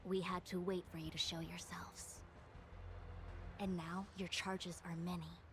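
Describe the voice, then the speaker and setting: A woman's voice: fairly low pitch, flat delivery, a little slow, fairly bright tone, a little hiss or hum. An actress playing an authoritative, stern female commander and diviner in a video game, with formal, commanding delivery. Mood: stern, accusing. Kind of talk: scripted video game dialogue.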